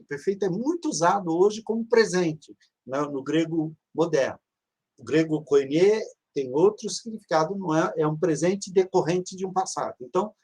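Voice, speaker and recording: A man's voice: high voice, slightly rough. A man, a reverend teaching an online class, who explains patiently and drills word endings aloud. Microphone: video call.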